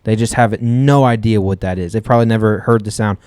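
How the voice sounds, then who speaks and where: A man's voice: lowish voice, quick pace, a little mellow, smooth, no room sound, studio quality. A man co-hosting a podcast, arguing his point stubbornly in casual chat and laughing it off. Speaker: podcast co-host.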